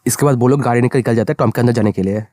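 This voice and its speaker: A man narrating a manga story recap in a brisk, conversational way. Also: mid-range voice, dark tone, no room sound, clean studio sound.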